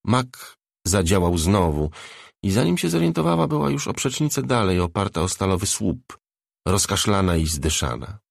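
Guy reading a novel out loud, really low voice, steady and even. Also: moderate pace, creaky, dry recording, studio quality. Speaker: audiobook narrator. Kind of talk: scripted narration of a novel.

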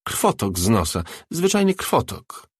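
A shaken young woman speaks high and breathy, her words strained and often half whispered, as a man reading an audiobook puts her on. The recording is dry and close. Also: very animated, measured pace, dry recording. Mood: insisting.

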